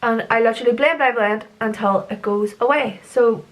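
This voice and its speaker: A young woman, talking through her makeup routine at home in a loose, rambling way. She stumbles over product names and pokes fun at herself, with a voice that sits a little on the high side. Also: normal speed. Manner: chatty, rambling, self-mocking, trips over words. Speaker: beauty vlogger. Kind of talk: casual makeup tutorial chat.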